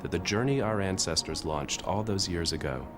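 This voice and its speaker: Deep male narrator over loud music. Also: animated, moderate pace. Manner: reflective, earnest. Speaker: documentary narrator. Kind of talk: scripted documentary voice-over.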